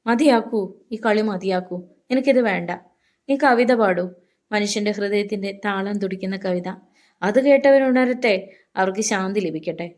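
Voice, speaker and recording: A woman's voice: mid-range voice, normal speed, darkish tone, close to an everyday voice. A woman voicing a grieving young man pleading tearfully with his friend.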